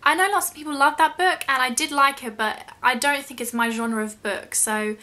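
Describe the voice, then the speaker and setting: A young British woman, a YouTube vlogger in young adulthood, chats casually in a Q&A vlog, rambling a bit and being self-deprecating. Her voice sits high with a sharp tone at a moderate pace.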